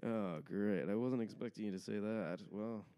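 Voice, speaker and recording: A man's voice: fairly low pitch, moderate pace, warm tone, clean tone. A man, a comedian guest on a podcast, speaking frankly, laughing easily and acting out little quoted exchanges. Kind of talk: casual conversation.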